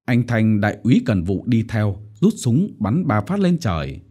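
A man narrating a short story as an audiobook in a measured storytelling manner. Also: fairly low pitch, sing-song, mellow, slightly rough.

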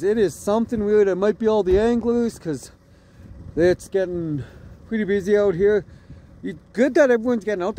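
Guy in his 40s rambling to his phone in an ice fishing shelter, slightly high voice, lots of ums. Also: noisy background. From Canada. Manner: rambling, chatty, with frequent fillers and laughs. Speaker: fishing vlogger. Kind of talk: casual vlog talk to camera. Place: inside an ice fishing tent. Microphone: phone camera at arm's length.

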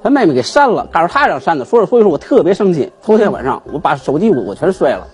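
Man, husky, high lively voice, aggrieved talk-show guest. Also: fast. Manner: animated, aggrieved. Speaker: guest, husband seeking divorce. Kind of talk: emotional storytelling on a TV talk show.

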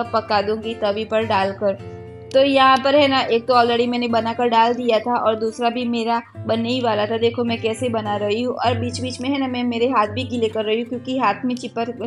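A young woman, chatting her way through a home cooking voice-over and explaining each step with lots of tag fillers. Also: fairly high pitch. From India. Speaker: home cooking vlogger and mother. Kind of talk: casual voice-over cooking narration. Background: faint background music.

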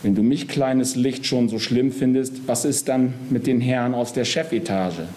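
A man's voice: fairly high pitch, fast talker, darkish tone, voice pushed up, natural voice. A man voicing a crooked, defensive businessman who whines and protests in a storybook reading. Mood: indignant. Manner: indignant, whining.

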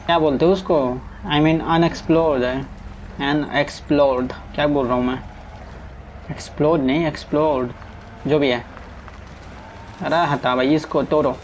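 A man's voice: a little high, fairly even intonation, normal speed, pauses often, a little hiss or hum, rough recording. Chatty man commentating gameplay. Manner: chatty, talks to the truck and viewers as he plays. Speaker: gaming streamer. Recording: faint game sounds in background.

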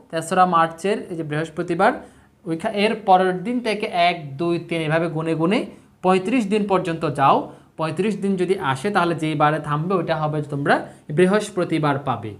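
A man's voice: sits high, a bit bright. A man teaching a children's math lesson, patient and checking understanding with frequent questions.

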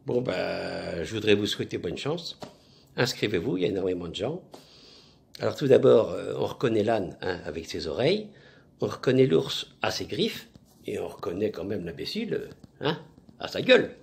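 Casting: man putting on a daft cousin character, low mumbly voice, lively swoops in the pitch, rambling nonsense jokes for an online comedy clip. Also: moderate pace, vocal fry. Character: zany, rambling middle-aged male cousin. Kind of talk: comic character monologue.

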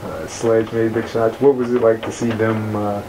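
A man's voice: on the low side, little pitch movement, normal speed, noisy background. A man asking a coach questions at a press conference in a hesitant way, with fillers. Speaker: reporter.

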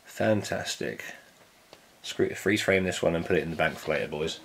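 A man's voice: low-pitched, moderate pace, vocal fry, fairly bright tone, slight background noise. A man chatting casually as he unboxes a vinyl set, laid-back and jokey, swearing now and then. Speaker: vinyl collector vlogger.

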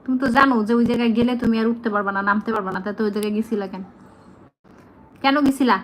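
A woman's voice: on the high side, level tone, racing, a little hiss or hum, rough recording. A woman, talking casually to her pet bird, scolding it and then coaxing it in a sing-song voice. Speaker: pet owner.

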